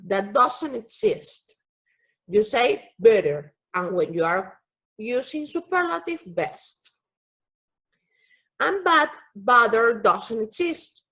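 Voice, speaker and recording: A woman's voice: fairly high pitch, a bit bright, husky. A woman teaching an online English grammar class, explaining patiently and checking in with "okay?". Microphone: computer mic on a video call. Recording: dull lo-fi online class audio.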